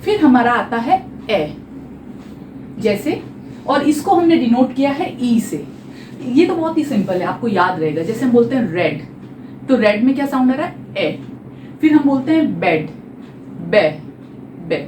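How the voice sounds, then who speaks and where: A woman's voice: fairly high pitch, very animated, moderate pace, background noise. A woman teaching a phonetics lesson for exam preparation, explaining step by step and asking her students rhetorical questions. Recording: echoey room, voice a little far from the mic.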